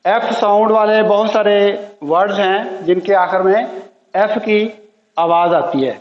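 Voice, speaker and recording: Slow, high-voiced man teaching pronunciation. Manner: slow, repeats each word several times. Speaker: English teacher. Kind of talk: slow classroom pronunciation lesson. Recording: echoey, dull lo-fi room sound.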